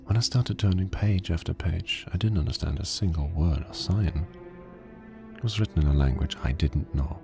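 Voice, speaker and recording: A weary, grim private detective who narrates a horror game, his voice extremely deep and gravelly. The delivery is slow and flat, like noir storytelling. Loud game music plays behind him. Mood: brooding.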